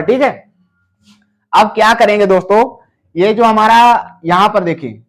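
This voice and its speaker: A man walks through a circuit repair lesson in a fairly high voice. He talks in a patient, step-by-step tutorial manner, filling pauses with short check-ins to the viewer. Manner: explains slowly, filling gaps with "theek hai" and "doston". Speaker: electronics repair teacher.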